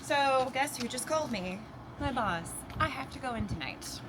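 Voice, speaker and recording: A woman acting as a worried, weary working partner in a found-footage film, speaking in a halting, conversational way. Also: high voice, animated. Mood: weary, annoyed. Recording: noisy on-location camera sound.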